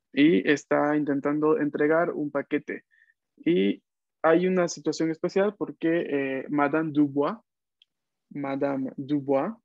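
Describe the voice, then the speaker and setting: A man's voice: fairly high pitch, darkish tone, dry recording. A man teaching a language class online, explaining patiently and often checking that students follow. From Peru. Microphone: computer mic on a video call. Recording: dull video-call audio.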